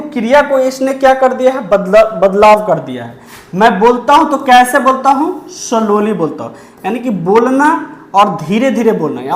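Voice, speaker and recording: A woman with a slightly high voice teaches a grammar lesson in an echoey room. She keeps asking questions and answering them herself, and drags out key terms word by word for emphasis. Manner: repeats key terms slowly.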